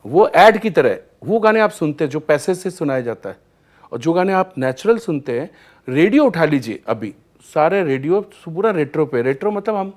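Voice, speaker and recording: A male singer, a guest on a talk show, telling anecdotes in an animated way and often laughing as he goes. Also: a little high, normal speed. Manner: lively storyteller, acts out scenes and laughs often.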